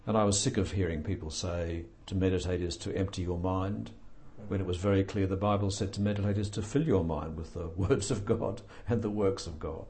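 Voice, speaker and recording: Deep, mellow older man musing dryly. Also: steady tone, fairly quick, hardly any pauses, a little hiss or hum. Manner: thoughtful, dry humor, many fillers. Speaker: author being interviewed. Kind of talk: reflective interview talk.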